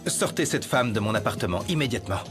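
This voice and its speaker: A man's voice: medium pitch, expressive, fast, music in the background, natural voice. An actor in a dubbed television melodrama playing a cold, contemptuous wealthy father. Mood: cold, scornful. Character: cold, contemptuous wealthy father rejecting his child's mother.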